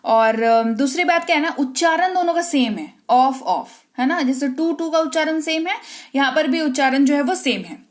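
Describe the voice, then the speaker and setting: A woman with a bright, high-pitched voice teaches an online vocabulary lesson. She explains each point patiently and slows right down to dictate every example sentence. She keeps stopping to check whether her class has understood. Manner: asks the class quick check-in questions. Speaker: English teacher.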